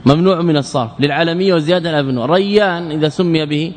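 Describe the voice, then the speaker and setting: A man who is a scholar teaching Arabic grammar, reciting verse lines slowly and then asking rhetorical questions and answering them himself. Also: fairly high pitch, big-room sound. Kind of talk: lecture.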